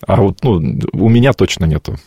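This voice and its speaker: A man's voice: low-pitched, animated, normal speed, dark tone, slightly rough, no echo, studio quality. A man in his late forties giving thoughtful interview answers, stopping to search for words and restarting his sentences. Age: 40s. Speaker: guest.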